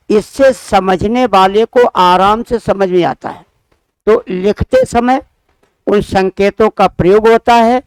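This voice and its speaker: A man with a fairly high, smooth and resonant voice teaches grammar to exam students. He speaks slowly and deliberately, repeating each example with careful pauses. The sound is dry and close, with no room echo. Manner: quizzes listeners with questions he answers himself. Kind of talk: Hindi grammar lesson.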